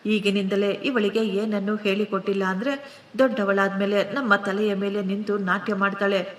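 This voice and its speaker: A woman voicing an arrogant, sharp-tongued sister-in-law in a told story, speaking scornfully and dismissively. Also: medium pitch, flat delivery, normal speed, close to an everyday voice. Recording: roomy, distant mic with faint hiss.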